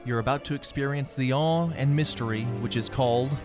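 An actor playing a calm, commanding male voice hijacking a broadcast, speaking slowly and evenly from an old TV show intro. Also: mid-range voice, over loud music. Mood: ominous. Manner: slow, measured, commanding. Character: calm, ominous male voice taking over the broadcast. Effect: hijacked broadcast, an intruding voice controlling the transmission. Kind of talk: vintage TV show intro played on air.

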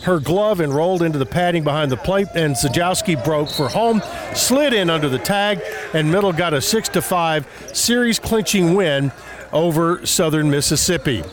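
A man's voice: on the high side, lively intonation, moderate pace, crowd noise. A man hosting a local radio sports report, reading scores and schedules in an announcer's delivery.

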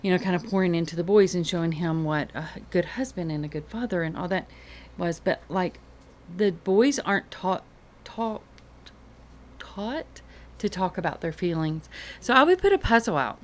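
A woman talking casually as an interview guest, telling things in an animated, conversational way. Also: fairly low pitch, normal speed. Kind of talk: casual chat. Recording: clear background noise.

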